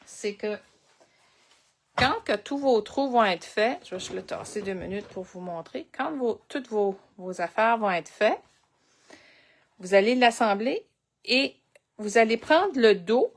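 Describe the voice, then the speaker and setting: A woman's voice: medium pitch, animated, unhurried, long pauses. A woman with a Québécois French accent leading a live crafting tutorial, chatting and thinking aloud as she works. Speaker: crafting instructor.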